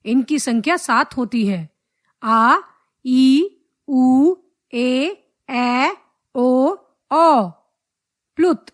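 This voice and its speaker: A woman teacher reading a grammar lesson in a measured way, drawing out each letter and example. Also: sits high, darkish tone. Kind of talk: slow scripted grammar lesson.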